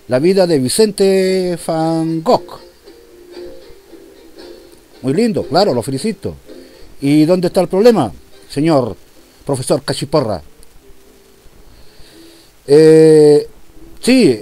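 A man's voice: high-pitched, dark tone. A man performing a comic monologue as a police commissioner taking a phone call, in a mock-formal, polite manner.

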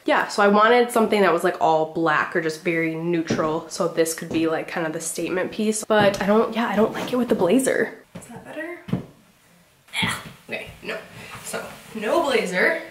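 A woman's voice: mid-range voice, moderate pace. Breathless chatty young woman vlogger. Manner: chatty, fillers like "like", upbeat. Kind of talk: casual try-on haul chat.

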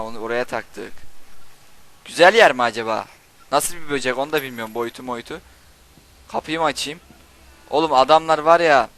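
A young man doing Let's Play commentary, swearing and shouting insults at game characters while he plays. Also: medium pitch, slight background noise. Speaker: gaming channel host.

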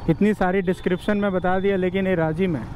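A young man talks his way through a motorbike ride in a bright, high voice, chatty and quick to joke. He speaks into a camera mic while riding outdoors. Loud road and traffic noise runs under everything he says. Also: fairly even intonation. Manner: chatty, joking, laughs often. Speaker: motorcycle vlogger. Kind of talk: casual ride commentary.

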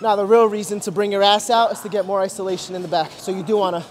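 A man in his thirties, a personal trainer, giving brisk instructions and encouragement while coaching a workout in a large indoor gym on a lapel mic. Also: sits high, little pitch movement, background noise.

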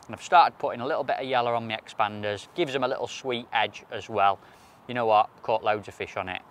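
A man's voice: mid-range voice, quick pace, a little hiss or hum. A man in his thirties, a match angler, chatting practically through fishing tips while seated outdoors by a lake.

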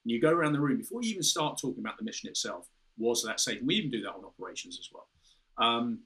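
Indoors before a window hung with red curtains, a fifty-something British man who once flew fighter jets speaks as an interview guest over video call. He talks very fast and expressively in a mid-range, slightly bright voice, explaining at length with many restarts and "you know"s.

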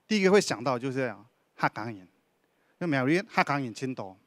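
A man's voice: medium pitch, lively intonation, a little fast, no room sound. A man, a county official answering on a panel, explaining at length with many sentence particles. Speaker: deputy director of a county culture and tourism bureau.

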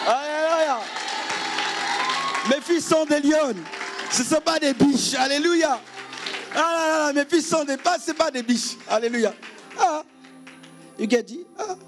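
A male pastor giving a humorous sermon at a church seminar, teasing the congregation and acting out little scenes with shouts and laughter. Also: very high-pitched.

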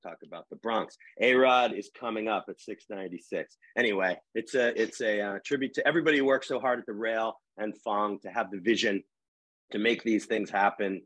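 The audio is dry and low-quality as a middle-aged editor-at-large, wearing earbuds, hosts a live video call from a wood-paneled home room. He rambles with frequent fillers and restarts, his fairly low, a bit bright voice coming out fairly quick.

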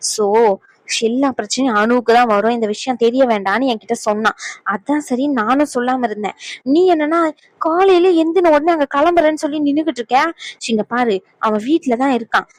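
A woman's voice: high-pitched, fairly quick, dry recording, lightly acted. Woman voicing an exasperated cartoon granddaughter. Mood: explaining. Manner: blunt, exasperated explaining. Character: exasperated young granddaughter, blunt and bossy. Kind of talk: cartoon family drama voice acting.

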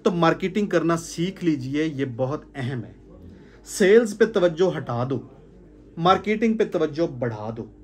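A man's voice: a little high, animated, unhurried. A man gives an informal sales talk to a small group, stressing points by repeating phrases. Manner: emphatic, repeats phrases for stress, gestures while talking. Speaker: sales trainer. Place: indoor room with curtains.

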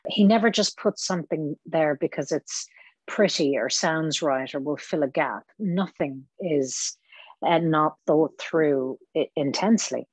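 In a conversational interview, a woman actor appears as a podcast guest, reflecting on her craft and searching for her words as she explains it. Her voice sits low and unhurried, with a darkish, husky tone and no room sound.

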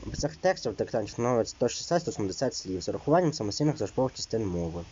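A man's voice: fairly low pitch, very animated, racing, warm tone, dull audio, a little hiss or hum. Man explaining exam rules, filler-heavy. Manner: reads rules then explains loosely with many fillers. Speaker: teacher. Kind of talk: exam-prep lesson.

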